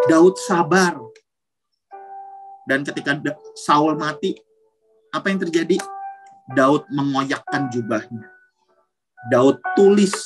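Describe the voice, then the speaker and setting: A man leads a youth service in a middle-pitched voice. He preaches casually with street slang and prays in tongues, calling names. Soft music plays faintly behind him. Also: poor audio. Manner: casual and lively, Jakarta slang, calls out names while praying. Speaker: youth pastor. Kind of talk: youth sermon and prayer in tongues.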